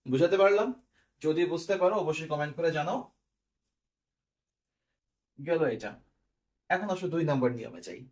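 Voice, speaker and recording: A man's voice: fairly high pitch, expressive, normal speed, pauses often, darkish tone. A man, teaching an English grammar class step by step and often checking whether students follow. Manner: explains step by step, asks quiz questions and checks "clear?". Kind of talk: recorded online class.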